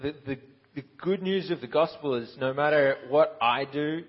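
Young man, from Ukraine, Bible college student, self-deprecating sermon, many restarts, slightly husky, muffled recording. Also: on the high side, normal speed. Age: 20s. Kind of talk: interview then sermon. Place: church stage.

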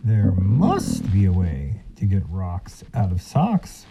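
A man's voice: deep voice, huge pitch swings, takes it slowly, very noisy, exaggerated voice. A man voicing a clever, boastful male fox in a rhyming storybook, confident and sing-song. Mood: self-satisfied.

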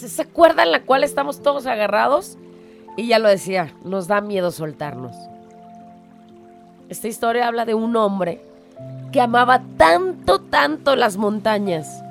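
A woman hosting a show and telling a moral reflection story in an earnest, dramatic way. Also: on the high side. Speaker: radio host.

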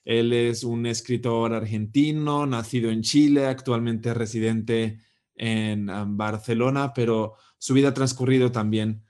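Male host, hesitant delivery with fillers, average pitch. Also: fairly even intonation, measured pace, darkish tone. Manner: hesitant, many repeated words and fillers. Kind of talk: interview.

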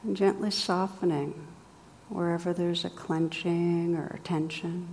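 A woman leading a guided meditation, speaking softly and gently with long pauses between phrases. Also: lowish voice, steady tone, big-room sound, slight background noise. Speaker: meditation teacher.

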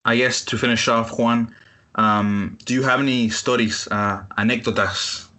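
A man co-hosting a podcast, asking questions in a measured, careful way. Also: medium pitch, steady tone, bright, forceful tone. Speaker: podcast co-host. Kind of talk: interview questions.

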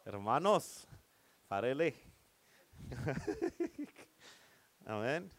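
A man's voice: medium pitch, huge pitch swings, drawn-out words. A male pastor preaching a sermon in church, playful and teasing as he keeps calling for amens from the congregation.

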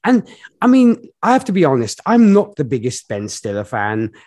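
A man on a casual film podcast who rambles through his thoughts with lots of fillers. His voice sits a little high for a man, and it rises and jumps often as he gets excited and laughs. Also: moderate pace. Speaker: podcast co-host. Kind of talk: casual movie review chat.

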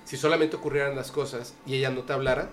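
A man's voice: medium pitch, quick pace. Guy hosting a chill chat, slangy storyteller, mid voice, faint hiss. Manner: lively anecdotal storytelling with slang. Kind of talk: casual chat.

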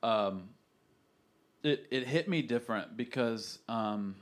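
A man's voice: mid-range voice, slow. A man co-hosting a podcast, talking casually and reflectively, with frequent hesitations and restarts. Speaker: podcast co-host. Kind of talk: casual faith podcast chat.

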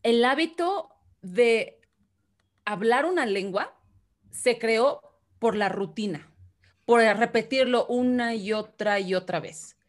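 A woman's voice: a little high, takes it slowly, pauses often. A woman with a Mexican Spanish accent, talking casually as a guest and explaining with questions to her listener. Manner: chatty, explains with questions and restarts. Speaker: guest speaker. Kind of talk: explanatory conversational talk.

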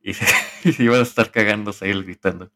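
A man with a Mexican accent tells a story to his friends in a podcast chat. His voice sits a little low. He rambles and stops to find his words, and he drops slang and swearing along the way. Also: fairly even intonation, fast talker, sharp tone, a little hiss or hum. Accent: Mexican Spanish. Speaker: podcast co-host. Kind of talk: casual storytelling among friends.

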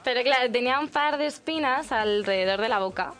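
A woman chatting on a radio show, telling a travel mishap in a lively way with many fillers. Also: on the high side, brisk, soft background music. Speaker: guest storyteller. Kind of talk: casual radio chat. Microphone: radio studio mic.

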